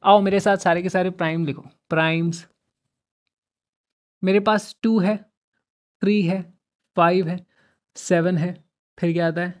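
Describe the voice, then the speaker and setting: A male math teacher giving a chatty exam-prep lesson, repeating phrases, asking and answering his own questions, with sudden louder bursts for emphasis. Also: high voice, steady tone, unhurried, long pauses. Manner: repeats phrases several times in a row.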